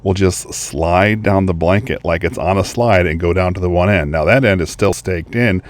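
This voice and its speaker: Low-voiced man reviewing a gadget. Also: normal speed. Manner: chatty, upbeat, thinking aloud. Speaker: product reviewer. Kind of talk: casual product review. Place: beach, outdoors.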